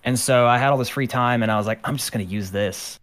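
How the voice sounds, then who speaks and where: Talking at a quick pace in a medium-pitched, fairly bright voice, a Ukrainian man guests on a podcast. An animator and musician, he casually discusses his art career in a rambling interview chat packed with fillers and restarts.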